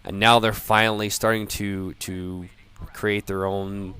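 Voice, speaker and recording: A man in a profane off-the-cuff gamer rant, sounding drunk, rambling haltingly and repeating himself. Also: on the low side, little pitch movement, background noise. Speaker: gamer ranting about video games.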